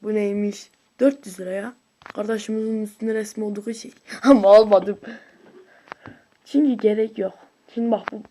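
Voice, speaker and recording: At a moderate pace, a high-voiced video creator gets worked up over gameplay, keeping the commentary casual and slangy with plenty of shouts and whoops.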